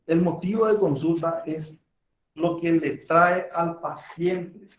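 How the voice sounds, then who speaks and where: Male medical lecturer, chatty classroom delivery, slightly high voice, distant mic in a reverberant room. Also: steady tone, takes it slowly. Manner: conversational, acts out patient dialogues. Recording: echoey room, far from the mic.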